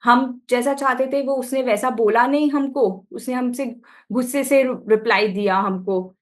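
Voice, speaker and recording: Indian woman teacher, online class, high voice, keeps asking the class to follow along. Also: steady tone, unhurried. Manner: asks the class short check questions. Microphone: video call.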